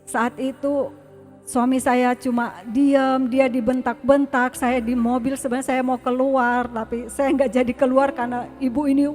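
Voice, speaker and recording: A woman with a fairly high voice preaches an earnest church sermon, exhorting her listeners. She turns soft and quiet when recalling prayer, with faint music playing behind her. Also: flat delivery, normal speed. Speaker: church speaker. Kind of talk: sermon testimony.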